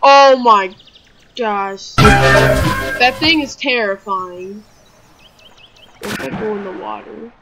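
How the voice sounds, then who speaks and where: A woman's voice: mid-range voice, lively intonation, slow pace, long pauses, music in the background. A woman giving let's play commentary, jumpy and yelping when startled. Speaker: gamer.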